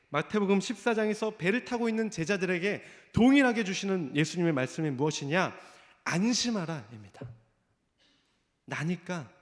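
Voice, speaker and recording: A man preaching a sermon, telling a story and acting out the voices of the people in it. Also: sits high. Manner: storytelling, acts out quoted voices. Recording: long reverb of a church hall.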